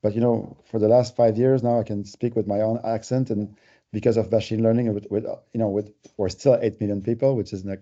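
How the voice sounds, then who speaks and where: In a muffled recording, a man with a fairly low, mellow voice and a French Canadian accent presents a company webinar. He explains conversationally, drawing on everyday examples.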